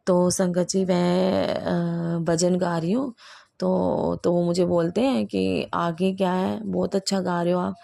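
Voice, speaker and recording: A woman hosting a devotional channel, telling of her spiritual experiences in a soft, hesitant way with many pauses and fillers. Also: lowish voice, little pitch movement, creaky, no room sound. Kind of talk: personal spiritual testimony.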